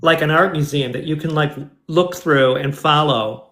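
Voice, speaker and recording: A man's voice: on the high side, normal speed, a bit bright. A man hosting a casual interview, easygoing and supportive, telling stories in a rambling way. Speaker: host. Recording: roomy echo.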